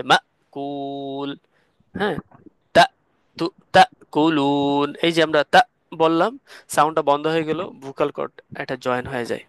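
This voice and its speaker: A man's voice: fairly high pitch, a bit bright, no room sound. A man teaching an online Quran recitation class, explaining patiently step by step and quizzing his students. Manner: asks students questions to check understanding.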